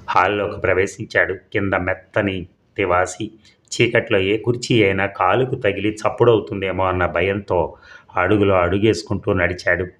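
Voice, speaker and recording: A man's voice: low-pitched, a bit bright. A man narrating a suspense serial as an audiobook, reading steadily and briefly voicing the characters' lines.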